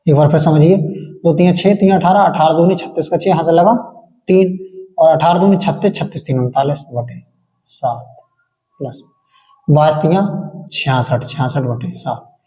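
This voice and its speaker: A male maths teacher, his voice warm and on the high side, moves at a normal speed but leaves long pauses. He takes board-exam problems step by step, asking the class questions and answering them himself while chanting times tables, in a recording with long hall reverb.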